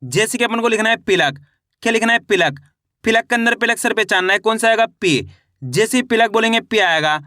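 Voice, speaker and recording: A man teaching children to read, sounding out each syllable slowly and quizzing the viewer with questions he answers himself. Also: high-pitched, expressive, bright, forceful tone, dry recording, clean studio sound. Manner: repeats rhetorical quiz questions to the viewer. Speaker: Hindi reading teacher. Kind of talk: children's reading lesson.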